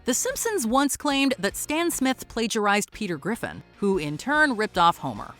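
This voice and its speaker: Lively wry countdown narrator. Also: medium pitch, normal speed, soft background music. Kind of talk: scripted voice-over narration.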